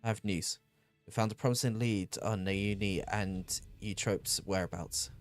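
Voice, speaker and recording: A man voicing an earnest loyal ally who reports news in a measured way. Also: fairly low pitch, steady tone, faint music behind, lightly acted.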